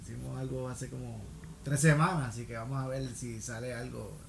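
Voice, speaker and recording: A man's voice: medium pitch, fairly even intonation, fairly quick, creaky, crowd noise. A man with a Puerto Rican accent chatting casually as a podcast guest. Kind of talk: casual chat.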